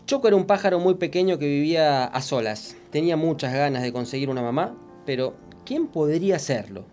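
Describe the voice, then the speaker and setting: A man's voice: fairly high pitch, lively intonation, a little fast, darkish tone, soft background music. A man hosting an educational radio show and reading a children's story aloud. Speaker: radio host.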